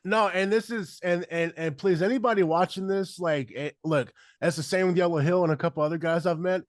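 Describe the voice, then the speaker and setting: A man hosting a podcast in a loose, rambling chat full of fillers and slang. His voice sits a bit high and sounds dry and close. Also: brisk, no echo. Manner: rambling, filler-heavy, says bro a lot. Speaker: podcast host. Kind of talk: casual interview chat.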